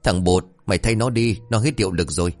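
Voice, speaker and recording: Gruff old exorcist master, as a man puts him on. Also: sits low, fairly quick, a little mellow, soft background music. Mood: commanding. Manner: barks orders and curses. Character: gruff old male exorcist master, bossy and short-tempered.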